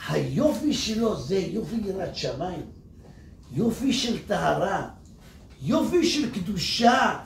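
A man who is a rabbi, giving an animated Torah sermon to an audience and breaking into emphatic shouts. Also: high-pitched, vocal fry. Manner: animated, addresses listeners as "my teachers and rabbis", bursts into emphatic shouts. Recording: echoey room, distant mic, faint noise.

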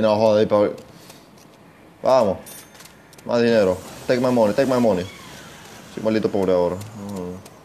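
A young man giving casual gameplay commentary, excitable, swearing often and talking to himself. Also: lowish voice, a little hiss or hum. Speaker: gaming channel host.

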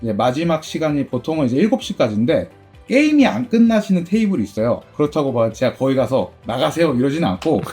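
A middle-aged man with a dark, slightly husky voice answers interview questions casually, his pitch rising and falling in a lively way. He rambles comfortably with many fillers, over faint music. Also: fast. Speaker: game store owner.

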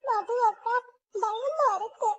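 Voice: very high-pitched, slow pace, highs cut off. A girl voicing a frightened little girl who whimpers and pleads to go home. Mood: scared.

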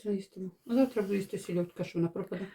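A woman's voice: medium pitch, rapid-fire, mellow, husky. An older woman from Ukraine chatting with her family in a home kitchen, plainspoken and stubborn, with Russian words mixed in. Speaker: mother-in-law. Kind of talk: casual family chat.

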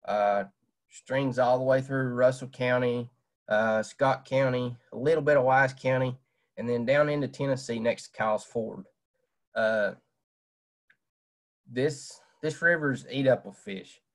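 A young man from Southwest Virginia gives a casual fishing talk over a webcam on a video call. He's plain-spoken and full of "uh" fillers, with a mid-range voice, a steady tone, and a slightly slow pace.

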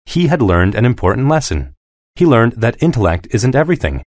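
A man calmly reading short moral stories aloud for English learners. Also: medium pitch, a little fast, no room sound, studio quality. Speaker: story narrator. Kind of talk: scripted narration for English learners.

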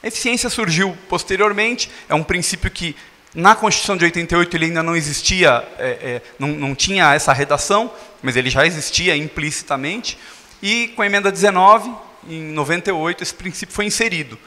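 Bright-voiced man lecturing in a hall. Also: high voice, brisk. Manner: explanatory, gesturing while speaking. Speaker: lecturer, municipal attorney. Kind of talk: public lecture. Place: council chamber. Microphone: handheld mic. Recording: long reverb of a hall.

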